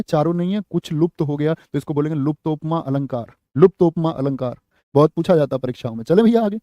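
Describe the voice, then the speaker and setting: A man's voice: high-pitched, mellow, no room sound, studio quality. A young man teaching a Hindi grammar class for exam students, quizzing them with repeated questions and calling them brother and friend. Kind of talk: online exam-prep class lecture.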